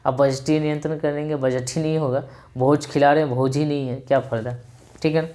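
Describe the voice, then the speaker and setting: Mellow-voiced male teacher, patient and repetitive. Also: on the high side, fairly even intonation, brisk. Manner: repetitive, keeps saying "ठीक है" and addressing students affectionately. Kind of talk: exam revision lesson.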